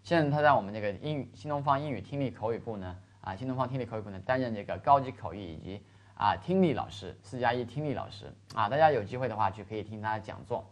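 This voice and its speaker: A man's voice: on the low side, fast. Man teaching English phrases, spelling aloud. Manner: spells words letter by letter and has learners repeat after him; mixes Chinese explanations with English phrases. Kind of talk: spoken English lesson.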